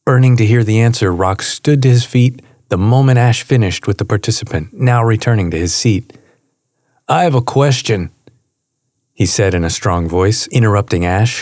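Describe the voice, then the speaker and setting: A man narrating an audiobook in a steady, unhurried reading voice. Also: fairly low pitch, no echo, studio quality. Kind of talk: scripted narration.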